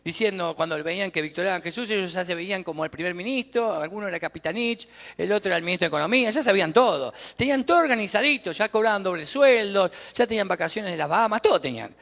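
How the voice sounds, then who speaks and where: A man's voice: high voice, lively intonation, quick pace, a bit bright. A man with an Argentine accent preaching a sermon as pastor, emphatic and putting questions straight to the congregation. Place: church sanctuary. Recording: long church reverb.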